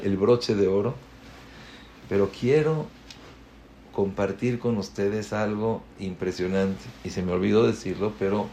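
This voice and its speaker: Slow gravelly man teaching in an echoey room. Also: medium pitch, mellow. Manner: emphatic, mixes Hebrew terms into Spanish, rhetorical questions. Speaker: rabbi giving a Torah class. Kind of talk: religious lecture.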